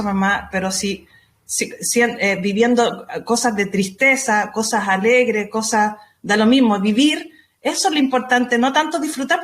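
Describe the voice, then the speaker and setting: A woman, a guest giving parenting advice in a casual conversation, earnest and repeating words for emphasis. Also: fairly high pitch. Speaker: astrology guest.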